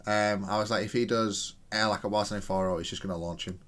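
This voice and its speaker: Talking fast in a lowish, fairly bright voice with a steady tone, this gaming content creator casually breaks down his own gameplay. He analyzes as he goes, thinking out loud and correcting himself.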